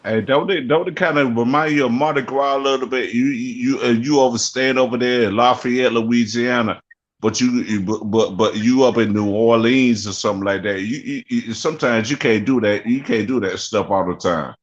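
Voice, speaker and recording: A man's voice: mid-range voice, normal speed, lo-fi sound. A man on a podcast who agrees a lot and stammers through his points. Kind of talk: casual podcast chat.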